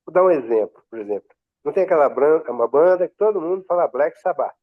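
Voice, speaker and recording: A man from Brazil, a student in an online class, sharing an observation haltingly with many restarts. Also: a little high, animated. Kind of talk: class discussion. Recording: tinny phone-like line.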